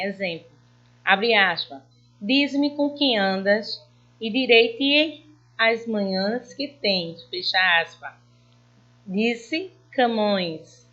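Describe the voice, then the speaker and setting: Woman, primary school teacher; unhurried, patient, stretches out her examples; slightly muffled recording. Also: medium pitch, pushed and bright. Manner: slow, patient, reads examples with drawn-out emphasis. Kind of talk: online lesson for children.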